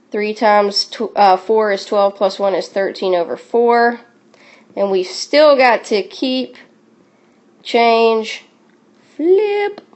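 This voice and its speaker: A woman's voice: mid-range voice, dull audio. A woman teaching a recorded sixth grade math review, upbeat and encouraging, with playful catchphrases as she walks through each step. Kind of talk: recorded classroom review lesson.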